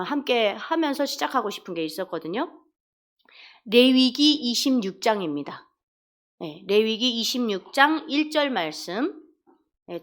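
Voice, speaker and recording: A woman preaches in a high, bright voice. Her pitch swoops up and down as she acts out little dialogues. She keeps asking the congregation questions. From North Korea. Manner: animated storytelling sermon, acts out dialogues, asks the congregation questions. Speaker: deaconess preaching. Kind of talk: sermon.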